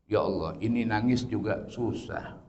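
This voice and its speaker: Animated preacher in an echoing hall. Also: male voice, lowish voice, moderate pace. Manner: animated, joking, jumps between Arabic recitation and slang, swings from loud to soft. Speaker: Islamic preacher teaching tafsir. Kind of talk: casual sermon lesson. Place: large prayer hall. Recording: dull lo-fi audio in a long-echo hall.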